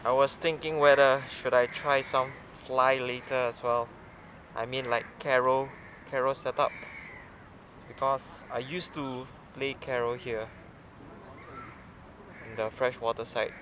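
Laid-back male fishing vlogger, slow easygoing talk, loud outdoor noise behind. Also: mid-range voice. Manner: relaxed, unhurried, thinking aloud. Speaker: fishing channel host. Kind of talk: casual vlog narration.

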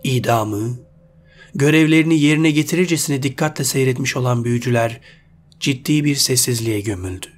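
A man reading a short fantasy story aloud in a steady, measured way. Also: medium pitch, soft background music.

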